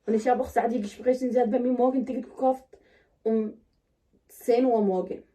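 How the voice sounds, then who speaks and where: Higher-pitched woman, blunt and insistent. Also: steady tone, a little fast, dark tone. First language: Somali. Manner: blunt, insistent, in simple broken German. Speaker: vlogger staging a prank on husband. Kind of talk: casual home vlog talk. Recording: distant mic, indoor home recording.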